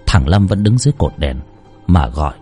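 A man's voice: deep voice, lively intonation, brisk. A man reading a scripted horror story aloud with dramatic expression. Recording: faint background music. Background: soft music.

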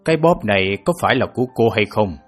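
A man voicing a stern prosecutor who questions a suspect in a slow, measured manner in an audiobook drama. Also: lowish voice, lively intonation, faint music behind. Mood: probing. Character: stern male prosecutor, calm and probing.

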